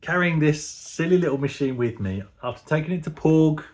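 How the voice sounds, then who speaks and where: A man giving casual, excitable commentary as he plays a retro computer game, laughing often and thinking aloud. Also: on the high side, fairly quick.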